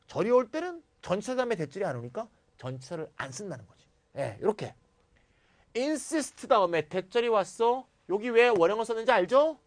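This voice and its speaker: A man giving a grammar lecture. He is playful and animated, switches between formal and blunt casual speech, and acts out sample replies. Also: sits high, no echo.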